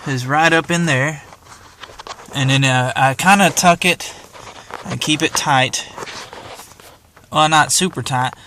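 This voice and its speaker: Working in and around parked vehicles, an amateur presenter gives a casual hands-on how-to demonstration in a plain, folksy, informal way. His mid-range voice has a fairly bright tone, with slight background noise.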